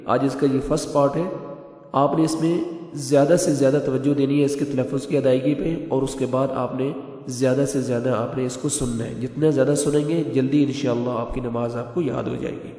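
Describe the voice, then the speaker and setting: Male teacher, mid-pitched. Fast plain talk, long slow chanted lines, echoey room. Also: steady tone, warm tone. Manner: quick explanations between slow chanted recitations. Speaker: religious teacher. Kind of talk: prayer recitation lesson.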